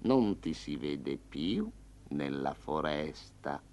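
A man voicing a smug, hungry male tiger with a slow, low, purring growl in a storybook reading. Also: sing-song, a little mellow, slight background noise, heavily acted. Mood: sly. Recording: slightly dull lo-fi.

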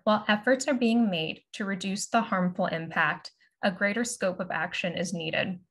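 A woman moderating a virtual panel, reading a prepared introduction aloud in a measured, formal way over a video call. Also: mid-range voice, fairly bright tone. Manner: measured, formal presentation of a written script. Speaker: moderator and curatorial assistant. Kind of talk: prepared talk read aloud.

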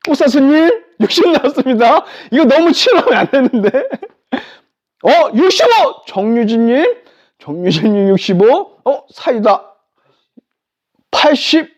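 An excitable live-stream auctioneer selling furniture, calling out bids and repeating prices. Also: high voice, unhurried. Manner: excitable, exclaiming. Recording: dull lo-fi live-stream audio.

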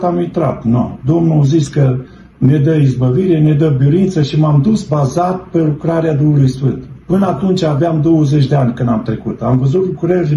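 A man's voice: fairly high pitch, mellow. A middle-aged man giving an earnest, fervent religious testimony, telling his story and calling his listeners brethren. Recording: roomy, dull, slightly noisy.

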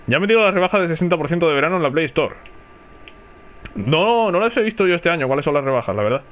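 This streamer from Spain speaks quickly with lively intonation and a fairly high pitch, giving live commentary on his gameplay. He's chatty, reacts aloud and calls out to his team. The audio sounds dull.

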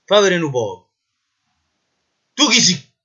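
A man's voice: high-pitched, very animated, slow pace, sharp tone, slightly rough, exaggerated voice. A man playing an exasperated, bullying police marshal with a Neapolitan accent, scolding and sarcastic in a comic parody dub. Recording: muffled lo-fi dub.

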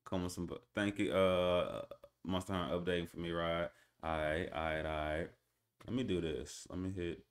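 A man's voice: low voice, measured pace. A young man hosting a live stream, chatting casually in slang with his viewers, with instrumental music playing behind him. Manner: laid-back slangy banter with chat, rising to excited hype.

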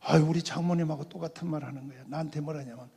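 An older man preaching a testimony with a high, gravelly voice. It sounds husky and a little breathy, and the long reverb of a big hall trails after his words. He tells the story with animation and acts out the people he quotes. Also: fairly even intonation, rapid-fire, warm tone. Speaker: pastor giving testimony. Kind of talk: testimony sermon.

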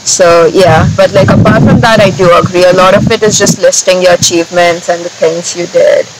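A woman's voice: fairly low pitch, steady tone, brisk. A young woman, an engineering student, hosting a casual interview outdoors and asking questions in a friendly, chatty way. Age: young adult. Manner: friendly, asks questions with frequent "like". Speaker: channel host, engineering student. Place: outdoors in a grassy field. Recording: outdoor noise in the background.

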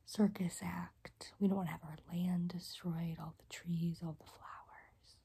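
A young woman in a whispered role-play as a caring rainbow fairy, speaking in a gentle, reassuring, breathy whisper. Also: on the low side, flat delivery, measured pace. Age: young adult. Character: caring, soft-spoken rainbow fairy guide. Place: small room indoors.

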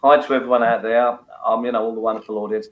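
A man's voice: mid-range voice, level tone, fast talker, muffled recording. A man with a Cockney accent, a guest on a video call, speaking earnestly. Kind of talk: casual chat. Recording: echoey room with faint noise.

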